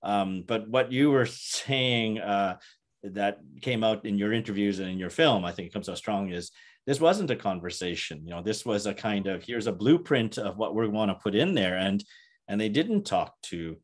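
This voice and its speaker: Low-voiced man moderating, halting speech. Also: expressive. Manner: halting, many restarts and "uh"s. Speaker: moderator, academic host. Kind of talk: moderated panel interview.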